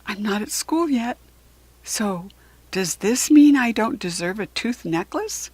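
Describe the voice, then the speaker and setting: An American woman with a husky, mid-range voice reads a children's picture book aloud, expressive, deliberate, and teacherly.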